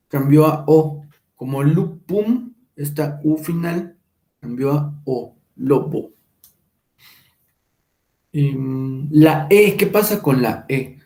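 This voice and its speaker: Male lecturer, slow and mellow, fairly high-pitched for a man, recorded in an echoey room, checks in with listeners as he goes. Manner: drawn-out, careful enunciation of example words. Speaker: teacher.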